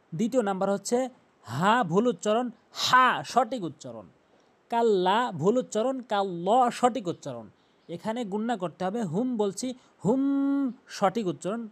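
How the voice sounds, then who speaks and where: A male recitation teacher speaks at a deliberate, careful pace. He breaks each word into single sounds and says them again and again. Now and then he chants a line in long, stretched tones. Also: sits high, a little mellow. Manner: spells sounds out syllable by syllable and repeats them slowly; chants the prayer in a drawn-out recitation. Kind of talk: slow tutorial on prayer pronunciation.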